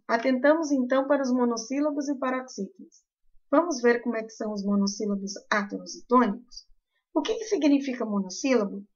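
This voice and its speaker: A woman teacher with a southern Brazilian accent, explaining a grammar lesson slowly and carefully to her class. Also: a little high, highs cut off. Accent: southern Brazilian Portuguese.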